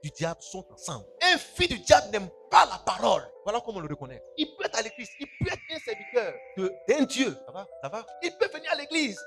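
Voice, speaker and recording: An Ivorian pastor preaches in rapid, high-pitched bursts that leap up and down in pitch. He keeps checking in with his congregation and acts out the voices of the people he quotes. Music plays behind him in the church. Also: big pitch swings, pushed and bright. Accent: Ivorian French. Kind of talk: sermon.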